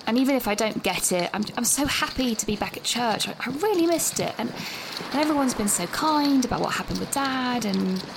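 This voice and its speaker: Speaking briskly with hardly any pauses, a young woman uses an expressive, highish voice with vocal fry over background noise. She is an actress playing a nervous, chatty British university student who rambles out of breath in a voice message while walking outdoors, constantly interrupting herself. This is an audio drama voice note.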